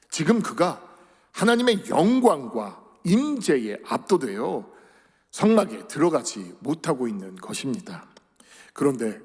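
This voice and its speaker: A man's voice: high voice, breathy edge. A man preaching a sermon as pastor, in earnest tones that rise on key words and fall at the end of phrases. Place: church sanctuary. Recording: long church hall reverb.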